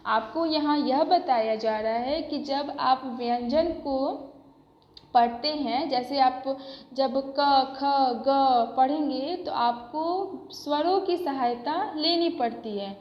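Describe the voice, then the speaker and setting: A woman teacher patiently explaining a grammar lesson to young children, repeating each point. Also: high voice. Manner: patient, repetitive, addresses children directly. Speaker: school teacher. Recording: echoey room, dull lo-fi sound.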